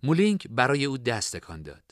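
Expressive male audiobook narrator. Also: medium pitch, no room sound, studio quality. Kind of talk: audiobook narration of a fantasy story.

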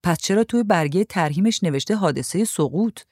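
A calm young father who speaks softly and reassuringly, as a woman reading the story puts him on. There is hardly any change from her own low reading voice beyond a slight lift. The sound is dry and close. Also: no room sound. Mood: gentle.

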